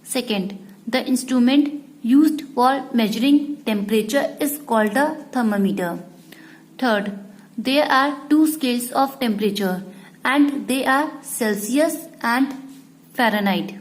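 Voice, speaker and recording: A woman teaches a class in a high-pitched voice. She speaks slowly and deliberately, addressing her students again and again. She repeats each key point so they can follow. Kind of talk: slow classroom lesson.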